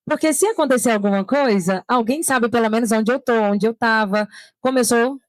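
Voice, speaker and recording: A woman's voice: a little high, fairly quick, no echo. Chatty Brazilian woman giving travel tips. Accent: Brazilian Portuguese. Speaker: panel guest, solo traveler. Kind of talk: casual panel conversation. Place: stand at a tourism fair.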